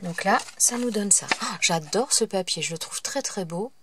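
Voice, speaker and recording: A woman's voice: medium pitch, lively intonation, moderate pace, noisy background. A woman hosting a paper craft tutorial, talking casually and hesitantly, with many fillers and self-corrections as she works at her table. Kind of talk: casual step-by-step craft demonstration.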